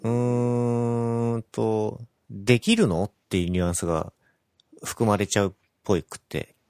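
A man's voice: on the low side, flat delivery, a little slow, mellow, clean tone. A man in casual talk who asks curious questions. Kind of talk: casual chat.

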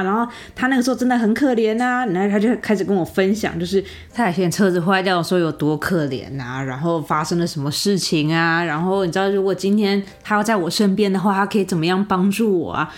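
A young woman hosting a podcast, telling a personal story in a chatty, casual way with many fillers and asides to the listener. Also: medium pitch. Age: young adult. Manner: chatty, animated, lots of fillers and rhetorical asides. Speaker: podcast host.

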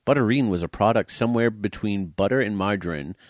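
Low-voiced man reading film trivia. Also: brisk, no echo. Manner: dry, teasing, reads trivia aloud. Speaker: podcast co-host. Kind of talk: casual chat about old movies.

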